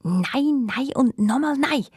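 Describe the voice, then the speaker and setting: A woman voicing a loyal old grand vizier turned into a stork, talking excitedly with a Swiss accent. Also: high voice, slow pace, slightly rough, dry recording, studio quality, pitched above the performer's own voice, heavily acted.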